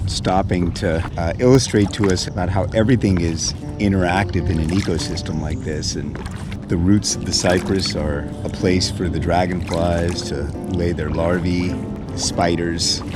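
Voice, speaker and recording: Low-voiced man chatting casually outdoors. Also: steady tone, moderate pace, over loud music. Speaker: tour participant giving impressions. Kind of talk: unscripted casual talk to camera.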